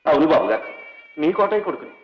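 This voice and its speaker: A man's voice: a little high, very animated, quick pace, slight background noise. An actor playing a young doctor, a former servant's son, who speaks respectfully and earnestly to his old benefactor. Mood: earnest, devoted. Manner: respectful, earnest, emotional pleading. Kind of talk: 1960s Telugu film drama. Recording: dull old film soundtrack with music.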